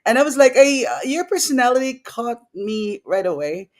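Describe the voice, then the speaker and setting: A woman's voice: on the high side, sing-song, normal speed. Woman host, upbeat and effusive, interviewing a guest. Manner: enthusiastic, effusive. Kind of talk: online interview.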